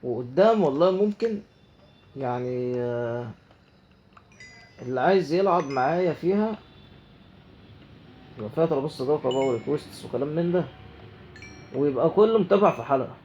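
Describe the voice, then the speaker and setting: A man's voice: a little high, animated, a little fast, long pauses, a little mellow, dull audio, a little hiss or hum. A man with an Egyptian Arabic accent giving chatty let's play commentary, talking to himself and his viewers as he plays. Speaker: gaming YouTuber.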